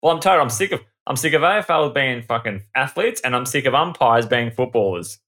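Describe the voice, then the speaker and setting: A man's voice: mid-range voice, expressive, brisk, a bit bright. A man with an Australian accent co-hosting a casual sports podcast, talking bluntly and swearing often. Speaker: podcast co-host.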